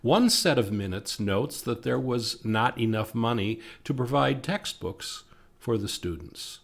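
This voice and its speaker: A man's voice: medium pitch, lively intonation, measured pace, creaky. A man with an American accent reading scripted local history narration.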